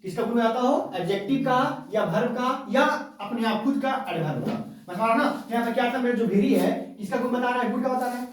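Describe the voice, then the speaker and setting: A woman teaching a grammar lesson to a class, repeating each point slowly and asking rhetorical check questions. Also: on the high side, a little hiss or hum. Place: classroom with students. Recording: very echoey room, voice from far off.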